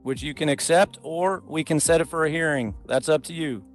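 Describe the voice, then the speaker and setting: A man's voice: on the high side, fairly quick, faint music behind. A man presiding as a judge in a remote traffic hearing, talking plainly and courteously through procedure. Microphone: video call.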